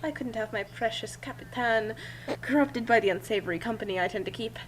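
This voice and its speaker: Here the fan fiction reader's voice is a little high and a little fast as she delivers a first-person story dramatically and emphatically. The amateur recording is noisy and carries a hum.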